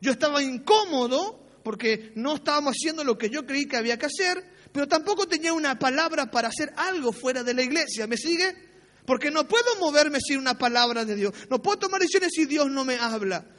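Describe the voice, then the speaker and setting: Very high-voiced man preaching in a reverberant hall. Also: expressive, brisk, fairly bright tone. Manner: anecdotal, self-mocking, frequent tag questions. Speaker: pastor. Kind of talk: sermon with personal storytelling. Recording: long reverb of a church hall.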